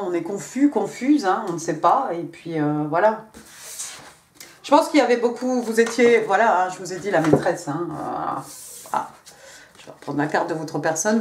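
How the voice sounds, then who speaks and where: A woman giving a casual tarot reading, talking straight to the viewer in a chatty, halting way, repeating herself and filling pauses. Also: fairly low pitch, slight background noise. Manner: chatty, halting, repeats words, many fillers; speaks directly to the viewer. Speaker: tarot card reader. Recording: echoey room.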